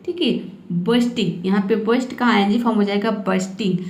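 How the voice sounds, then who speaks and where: A woman teaching English in Hindi, reading English phrases slowly word by word and checking in often with the listener. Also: mid-range voice, darkish tone, roomy sound.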